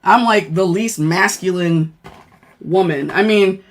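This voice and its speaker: A former law enforcement worker turned livestreamer, this deep-voiced woman reads comments in a casual stream chat, taking her time. She's blunt and frank, thanking viewers mid-sentence.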